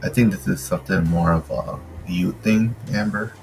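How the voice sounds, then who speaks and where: A man with a very low, deep voice picks apart a clip in a mocking, scornful tone. He talks as a reaction commentator. A clear music bed runs behind him. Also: normal speed, darkish tone, rough recording.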